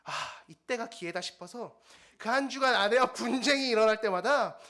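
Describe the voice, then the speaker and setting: A young man, a junior pastor, preaching a dawn service sermon in a church and telling his own story with lively acted-out dialogue. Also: extremely high pitch, normal speed. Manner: animated storytelling, acting out quoted dialogue. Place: church sanctuary.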